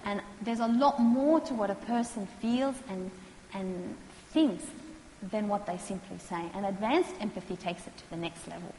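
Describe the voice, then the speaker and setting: A woman, calmly explaining counselling skills to students and acting out what clients say. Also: medium pitch. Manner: calm, measured, acts out client quotes. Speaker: counselling lecturer. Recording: echoey hall, faint noise.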